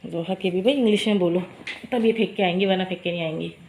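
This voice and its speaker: Her voice sits low with a darkish quality, and she talks quickly as she narrates a relaxed cooking vlog from her kitchen, guiding viewers through every step. She has a sore throat, and a bit of hiss or hum runs under the recording.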